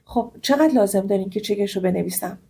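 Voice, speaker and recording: A woman's voice: mid-range voice, vocal fry, dark tone, close to an everyday voice. A woman voicing a stern, wealthy male university professor who talks in a serious, businesslike way.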